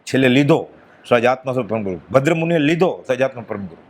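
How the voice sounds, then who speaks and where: A spiritual speaker with a Gujarati accent delivers a devotional discourse in a mid-range voice, talking fast and animatedly. He is earnest and emphatic, lowering his voice whenever he quotes others.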